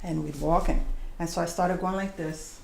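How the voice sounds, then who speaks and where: A woman's voice: fairly low pitch, gravelly. A middle-aged woman tells a personal story to a live audience, drawing out words for emphasis and slipping into voices as she goes. Her voice carries a roomy echo from the venue. A faint ambient hum sits under it. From New York, USA. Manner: animated, conversational, acts out voices and slows for emphasis.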